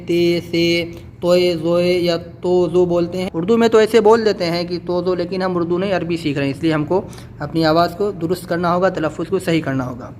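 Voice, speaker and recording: Male tutor with a high voice; patient, repetitive lesson delivery over light background noise. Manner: patient, repeats and drills letter sounds. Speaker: Quran reading teacher. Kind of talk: explanatory lesson.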